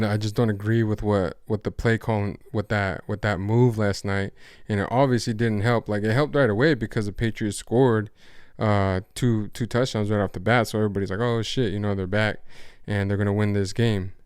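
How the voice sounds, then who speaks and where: A man's voice: on the low side, a little mellow, smooth, dry recording, clean studio sound. A man hosting a podcast, talking casually about sports in a rambling, slangy way with frequent restarts and swearing. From Mexico. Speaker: podcast host.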